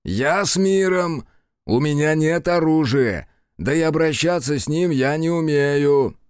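A man's voice: medium pitch, sing-song, normal speed, a little mellow, dry recording, studio quality, close to an everyday voice. A man voicing a fat, fawning character who apologizes and explains himself in a cheerful, obsequious rush of words. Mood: pleading. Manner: obsequious, bowing and effusive.

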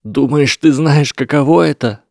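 A man's voice: mid-range voice, steady tone, moderate pace, creaky, a little mellow, husky, dry recording, clean studio sound, voice pushed up. A man voicing a desperate, weeping young boy wizard who trembles, pleads and then screams, in an audiobook reading. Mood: anguished. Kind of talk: audiobook character voice.

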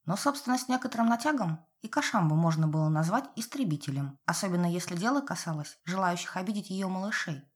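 A woman narrating a novel aloud in a wry, lively storytelling manner. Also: on the low side, quick pace, few pauses. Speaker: audiobook narrator.

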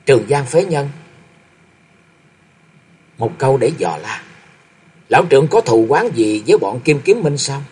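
A man's voice: mid-range voice, sing-song, a little slow, long pauses, darkish tone, breathy edge, full character voice. A man voicing a polite, curious young male swordsman who speaks in a questioning way. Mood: inquiring.

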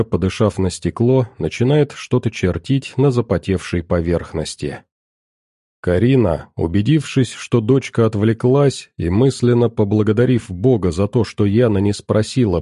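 A man reading a horror story aloud in a measured, even narration. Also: on the low side, no room sound, studio quality.

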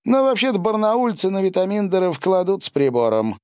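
A man reading an audiobook and voicing a smooth-talking male dealer who coaxes a customer with a salesy patter. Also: high voice, sing-song, fairly quick, darkish tone, no echo, studio quality, voice pushed up. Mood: coaxing sales pitch. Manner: salesy, coaxing, raised voice.

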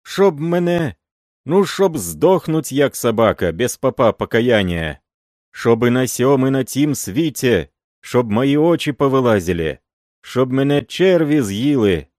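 Man playing old working man, wailing oaths, raised pitch, dry close sound. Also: expressive, measured pace, darkish tone, no room sound. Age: older. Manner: wailing oaths, then gruff threats.

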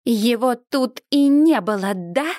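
Woman putting on a shrill, spiteful young bride. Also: lively intonation, slow pace, dark tone, dry recording, clean studio sound. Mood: triumphant shrieking. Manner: shrieking, accusing.

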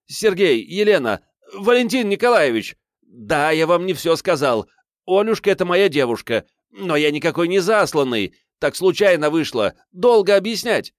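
A man's voice: medium pitch, animated, moderate pace, no room sound, studio quality, voice pushed up, lightly acted. A man voicing an agitated young man who pleads and waves his arms in an audiobook. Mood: pleading. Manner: shouting, pleading.

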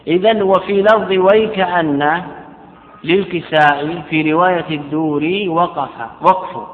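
A man teaching Quran readings in a lecture, repeating his phrases and reciting the quoted verses slowly and carefully. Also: a little high. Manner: repeats phrases, restarts and self-corrects while explaining. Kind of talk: classroom lecture explaining a text. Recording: tinny, echoey lecture hall recording.

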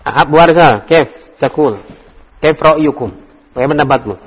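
A man teaching an Arabic grammar class, calling on students in turn and patiently talking through each answer. His voice sits a little higher than most men's. The room recording carries a long, ringing reverb. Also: normal speed, breathy edge. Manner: quizzes students in turn, explains patiently, jokes and laughs. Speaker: religious teacher. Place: classroom study circle.

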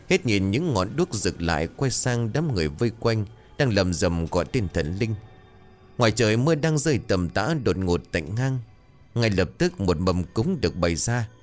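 A man reads a horror tale in a dramatic, expressive voice. His low voice rises and falls in lively swings. Faint music plays behind him. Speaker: storyteller. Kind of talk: scripted horror narration.

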